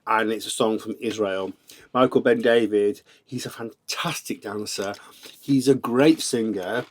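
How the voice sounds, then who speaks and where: A man's voice: fairly low pitch, a little slow. A man co-hosting a casual chat show, cheeky and opinionated, often laughing at his own quips. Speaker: podcast co-host.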